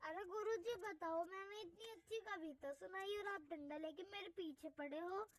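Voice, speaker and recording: A woman's voice: very high-pitched, normal speed. A woman voicing a cheeky boy pupil protesting to his teacher in a comic school skit.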